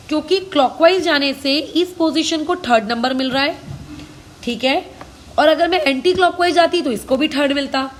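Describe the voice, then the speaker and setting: A woman with a high, slightly bright voice and a faint hiss or hum in the recording. She's an Indian chemistry teacher giving an online lesson, working problems aloud in a mix of Hindi and English, spelling names letter by letter and answering her own questions.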